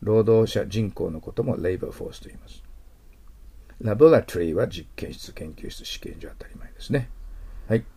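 A middle-aged man teaching TOEIC English vocabulary, explaining words and slowly modeling their English pronunciation. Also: fairly low pitch, expressive, vocal fry, warm tone.

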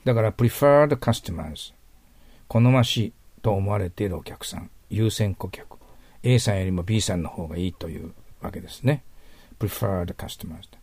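In this recorded lesson, a man whose first language is Japanese explains English word roots piece by piece and asks his audience rhetorical questions. He speaks briskly in a low, husky, darkish voice, recorded without echo.

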